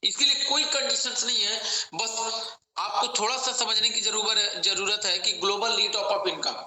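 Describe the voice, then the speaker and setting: A man with a high, very bright and forceful voice walks listeners through an income plan, calling them friends and slipping into English. His voice rings in a strongly echoing room, with faint noise behind. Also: fairly even intonation, moderate pace. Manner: repetitive, addresses listeners as friends, mixes in English phrases. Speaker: network marketing plan presenter. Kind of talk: sales pitch explaining an income plan.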